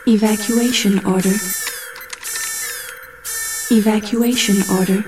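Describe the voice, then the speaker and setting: A woman voicing a very slow calm ship computer. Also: mid-range voice, natural voice. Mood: calm repetition. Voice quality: flat, repetitive announcer delivery. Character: calm female ship computer repeating an evacuation order. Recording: distant announcement over loud music.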